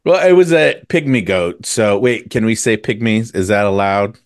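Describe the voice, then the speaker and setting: Low-voiced man musing aloud. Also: moderate pace, no room sound, clean studio sound. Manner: musing, wandering asides. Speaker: podcast co-host. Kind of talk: casual chat.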